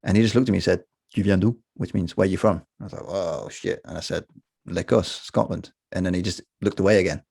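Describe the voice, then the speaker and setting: Fast-talking English man, deep and gravelly. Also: darkish tone, no echo, clean studio sound. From England. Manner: rapid, joking storyteller. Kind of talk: casual chat.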